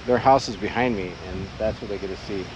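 A travel vlogger with a lowish voice talks fast and casually to a handheld action camera held at arm's length, relaxed and chatty, correcting himself as he goes. He films outdoors on a farm and inside a trailer, and the audio is dull with a noisy background.

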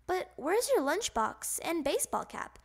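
A woman's voice: very high-pitched, sing-song, a little slow, full character voice. A woman voicing a kindly, fussing mother frog as she reads a storybook to a toddler. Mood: gently chiding.

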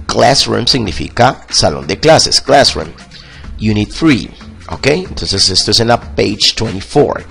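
A male teacher with a low, gravelly voice leads a bilingual vocabulary lesson at an unhurried pace. He says each classroom phrase slowly and repeats it before translating. Faint music plays behind him. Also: a bit bright. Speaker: English teacher.

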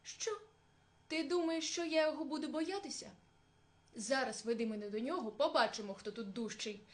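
A woman voicing a fierce, hungry male bear who shouts threats. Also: high-pitched, moderate pace, lightly acted. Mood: furious.

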